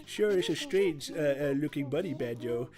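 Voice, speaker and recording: A man voicing a nerdy, short-sighted male mole who talks slowly and carefully. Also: on the high side, expressive, over music, close to an everyday voice. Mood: fussy. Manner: slow, careful nerdy delivery.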